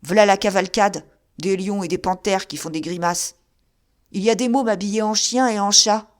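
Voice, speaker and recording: A woman voicing a delirious drunk man who yells frantically in rough slang. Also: medium pitch, normal speed, natural voice. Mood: raving.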